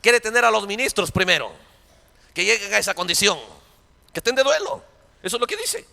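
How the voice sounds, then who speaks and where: A man preaching a fervent sermon, often asking his congregation if they understand and shouting at high points. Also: expressive, fairly quick, vocal fry, big-room sound. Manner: fervent, repeats "¿Entiende?" to the congregation, shouts at peaks. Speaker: pastor.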